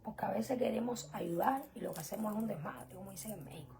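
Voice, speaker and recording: A young woman teaching an online religious class, earnest and emphatic, often dropping to soft whispered asides. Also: medium pitch, fast, creaky, background noise. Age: young adult. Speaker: spiritual teacher.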